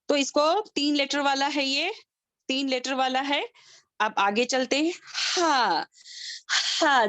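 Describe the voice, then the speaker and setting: A woman, teaching an online Quran recitation class over a video call. She drills letter sounds by repeating them slowly and keeps asking whether her students understand. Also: high-pitched, a bit bright, no echo. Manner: checks understanding with frequent questions. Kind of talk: online tajweed lesson.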